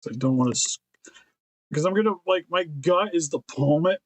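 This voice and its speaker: A man's voice: on the high side, moderate pace, no room sound. Casual man chatting while customizing figures. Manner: relaxed, thinking aloud while sculpting. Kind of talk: casual work-along chat.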